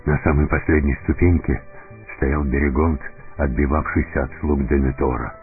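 A man narrating a fantasy story in deliberate, dramatic scripted audiobook style. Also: rumbling low, fairly even intonation. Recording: narrow phone-like sound, faint music.

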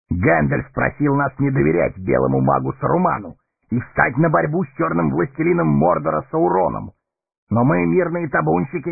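A man voicing a proud, blunt male horse-lord captain in a gruff, gravelly, husky audiobook character voice. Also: mid-range voice, pitched above the performer's own voice. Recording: tinny narrow-band recording, faint music.

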